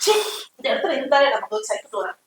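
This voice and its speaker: A woman's voice: sits high, lively intonation, quick pace, echoey room, noisy background. An actress playing a bossy, argumentative older woman who scolds her housemates. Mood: weary.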